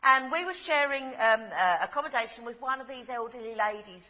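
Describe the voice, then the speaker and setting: A woman giving a gentle storytelling sermon. She tells simple stories and grows soft and slow at the tender moments. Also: on the high side. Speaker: preacher. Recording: dull sound with long hall reverb.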